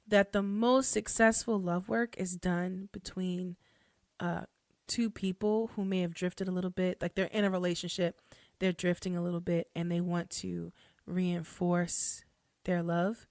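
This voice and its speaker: A woman's voice: on the low side, steady tone, measured pace, no echo, clean studio sound. A woman hosting a casual solo podcast, talking loosely with plenty of fillers, restarts and frequent laughter. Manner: chatty, laughs often, many fillers and restarts. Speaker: podcast host and hoodoo practitioner.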